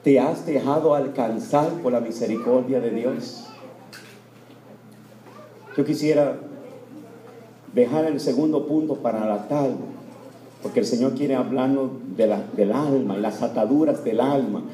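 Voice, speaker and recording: A man preaching an emotional sermon in a church, repetitive and full of fillers, swinging from loud fervent cries to hushed tones. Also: medium pitch, measured pace, pauses often. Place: church before Mass. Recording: echoey church room.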